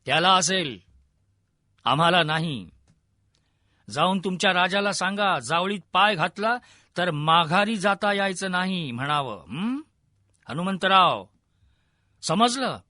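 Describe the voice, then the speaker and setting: A man puts on a high, bright, scornful drunken chieftain who taunts slowly, laughs at his guests and barks orders. The voice sits dry and close, with no room around it. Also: animated, dry recording, heavily acted. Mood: taunting. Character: arrogant drunken male hill chieftain, mocking. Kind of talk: storytelling narration.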